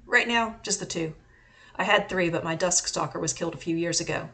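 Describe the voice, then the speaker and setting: A woman reading the lines of a calm, secretive man who keeps dragons, explaining things matter-of-factly. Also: on the low side, fairly quick. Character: calm, secretive adult male dragon collector.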